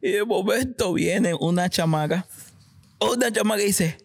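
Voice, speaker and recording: A man co-hosting a podcast, telling lively anecdotes in casual chat and quoting the people in them. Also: high-pitched, measured pace, vocal fry.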